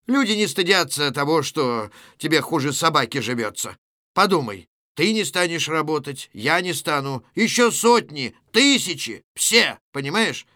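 A cynical, worldly ex-convict who mocks and lectures, read by a man. The voice is bright and lively, swinging up on its points. It sits close and dry to the mic. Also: a little high, moderate pace, no echo. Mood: sardonic. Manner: sardonic, lecturing.

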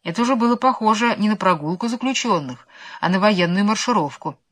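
A woman narrating a children's storybook with animated, playful expression. Her voice sits in an ordinary middle range, and she reads steadily but with lively emphasis. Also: mid-range voice, fairly quick.

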